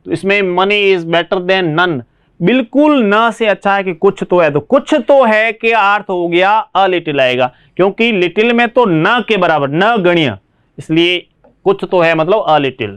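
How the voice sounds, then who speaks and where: Higher-pitched Indian man teaching English. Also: lively intonation, fairly bright tone, smooth. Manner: explains slowly, checks understanding with frequent rhetorical questions. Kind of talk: classroom lesson.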